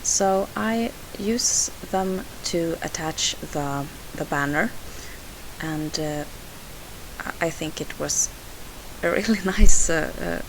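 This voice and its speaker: This scrapbooking host is a Swedish woman whose accent comes through as she narrates slowly in a low-pitched voice. Her delivery is hesitant, dotted with "uh" fillers and restarts. The voice-over was recorded at home and has a hiss.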